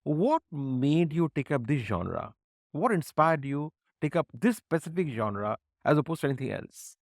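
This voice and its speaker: A man's voice: a little high, big pitch swings, measured pace, creaky, no echo, clean studio sound. A man from Bengal with an Indian English accent, interviewing conversationally and attentively, often interjecting agreement.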